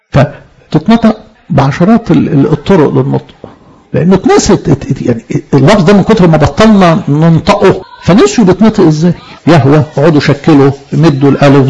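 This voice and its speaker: A man's voice: a little high, gravelly, mellow, husky. A man preaching a sermon in an Egyptian Arabic accent. He stresses his points and asks the listeners questions, then answers them himself. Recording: dull lo-fi recording.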